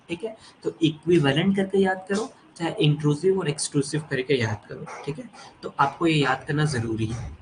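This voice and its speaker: A man teaching geology in an exam-prep lecture, mixing Hindi and English, with slow, drawn-out English phrases and a constant "theek hai". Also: fairly high pitch, a bit bright, a little hiss or hum, poor audio. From India.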